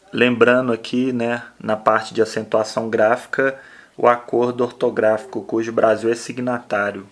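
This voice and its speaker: Man teaching a grammar lesson. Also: medium pitch. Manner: explanatory, with frequent tag questions and repeated phrases.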